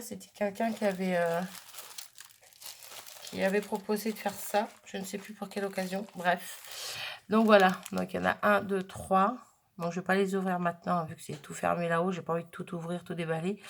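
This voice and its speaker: A woman's voice: medium pitch, a little hiss or hum. A woman chatting casually while unboxing crafts, thinking aloud with lots of fillers. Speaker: crafting vlogger.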